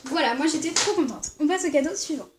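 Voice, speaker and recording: A high-voiced woman chats to camera as a vlogger, excitable and gushing, filling her talk with little fillers. A steady hiss of noise sits under the recording. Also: fast. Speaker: vlogger showing Christmas presents. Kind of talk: casual chat to camera. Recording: noisy background hiss.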